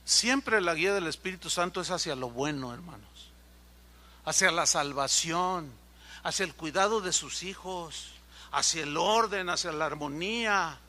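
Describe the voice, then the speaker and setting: Bright, high-pitched pastor preaching. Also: male voice, unhurried. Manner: animated storytelling, acting out quoted voices. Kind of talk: sermon.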